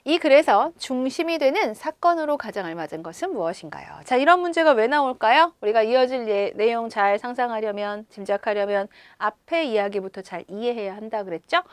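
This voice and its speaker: A woman teacher explaining a story to schoolchildren, expressive and full of questions to her pupils. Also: fairly high pitch, a little fast, few pauses, clean tone, no echo. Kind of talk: reading-comprehension lesson.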